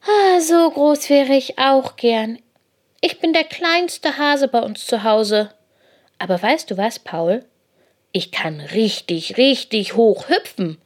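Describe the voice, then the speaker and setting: A woman voicing a tiny, eager young bunny girl in a children's storybook, squeaky and excited. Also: slow. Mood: wistful, eager.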